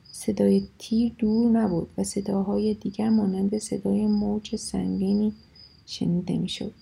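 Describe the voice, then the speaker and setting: A woman narrating a story in a measured, steady reading voice. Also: medium pitch, creaky, slightly rough, poor audio.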